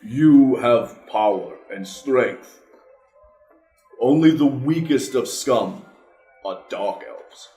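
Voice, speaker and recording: A man playing a proud, stern half-orc warrior in a tabletop game, speaking formally, deliberately and with emphasis. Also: fairly low pitch, darkish tone, natural voice. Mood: indignant scorn. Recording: roomy echo, music behind.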